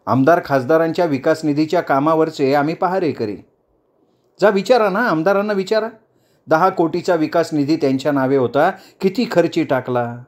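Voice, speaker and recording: A man's voice: fairly high pitch, normal speed, close to an everyday voice. A man voicing a defiant woman council chair who addresses a crowd in a rousing, commanding speech.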